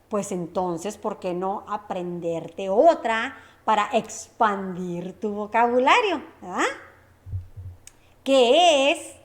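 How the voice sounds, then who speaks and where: A woman teaching a lesson, running repeat-after-me drills and checking in with short questions. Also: mid-range voice. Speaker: Spanish teacher.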